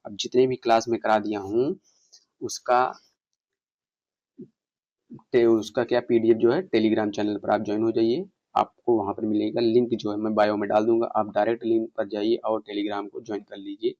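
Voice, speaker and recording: A man teaching an online exam-prep lesson, reading passage lines slowly and explaining them, asking his students questions. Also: on the low side, level tone, darkish tone, dull audio. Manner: reads English passages slowly, explains in Hindi, quizzes viewers. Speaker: English exam tutor.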